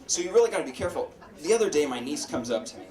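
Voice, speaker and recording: A man's voice: a little high, sing-song. A man doing a stand-up comedy set, talking with lots of fillers and restarts and speaking straight to people in the audience. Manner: halting, full of fillers and restarts; addresses audience members directly. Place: comedy club stage with live audience. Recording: roomy club recording, mic at a distance, crowd laughter. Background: audience laughter.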